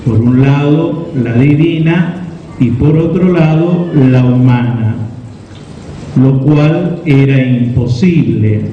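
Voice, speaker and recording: A man preaching a homily in a deliberate, didactic way, pausing between phrases as he explains. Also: mid-range voice. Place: large reverberant church. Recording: echoey church hall, slightly muffled, faint noise.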